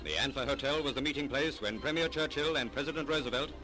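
A man's voice: mid-range voice, brisk. A man narrating an old newsreel in a grand, formal announcing manner, played from an archive clip. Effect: archival old newsreel sound. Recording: distant archive clip with loud music.

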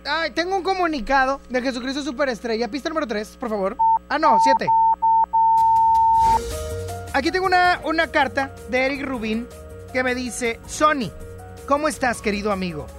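A Mexican man hosts a radio show in a high, animated voice, teasing and repeating lines for laughs. His pitch swings widely. Music plays clearly under him in the studio. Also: moderate pace, long pauses. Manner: playful, teasing, repeats himself for comic effect. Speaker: radio host. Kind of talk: casual radio chat. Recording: music playing clearly behind.

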